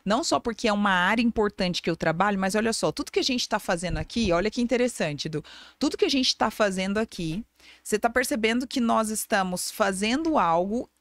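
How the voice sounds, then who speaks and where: A woman's voice: mid-range voice, animated, a little fast, dry recording. A woman with a Brazilian accent, a podcast guest who mentors people on image and communication, talking in an emphatic, preacher-like storytelling way. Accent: Brazilian Portuguese. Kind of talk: lively podcast conversation. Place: podcast studio.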